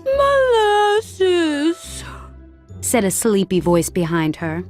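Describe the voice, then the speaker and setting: A woman reading a children's storybook aloud in a clear, measured narration. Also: mid-range voice, lively intonation, soft background music.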